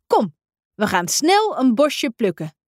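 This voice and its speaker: A woman's voice: on the high side, big pitch swings, takes it slowly, no echo, studio quality, heavily acted. A woman voicing a cheerful, eager male friend in a children's story, with a chatty manner.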